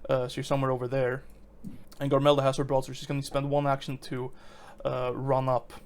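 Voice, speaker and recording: A man's voice: medium pitch, completely flat delivery, brisk, smooth. A man running a tabletop game as game master, talking casually with frequent fillers, restarts and chuckles.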